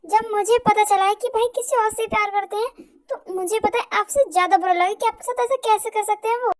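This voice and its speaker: Woman doing a chatty fired up little sister, super high voice. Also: moderate pace. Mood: indignant. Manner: excited, chatty, indignant. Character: young woman, lively protective younger sister. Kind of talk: amateur fan audio drama.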